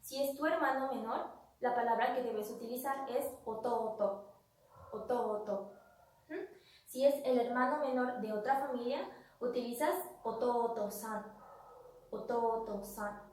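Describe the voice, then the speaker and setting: A woman teaching Japanese vocabulary, explaining patiently and repeating each word slowly. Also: fairly high pitch, a little mellow, recorded from a distance. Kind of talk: vocabulary lesson. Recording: echoey room, voice off-mic.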